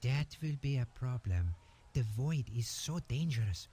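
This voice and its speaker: A fussy male collector of rare voices from an adventure game. He talks slowly and deliberately, with a self-important, measured air. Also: medium pitch, animated, mellow, breathy edge. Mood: haughty. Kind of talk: game voice acting.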